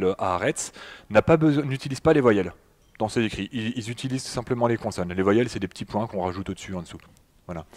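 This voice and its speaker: Addressing a crowd in a public hall, a man with a French accent talks through his slides, his speech full of fillers and false starts. He has a slightly mellow, mid-range voice.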